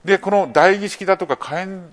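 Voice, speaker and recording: A man giving a public lecture, explaining in a measured way with many fillers and rhetorical questions to the audience. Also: sits high. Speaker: lecturer on archaeology.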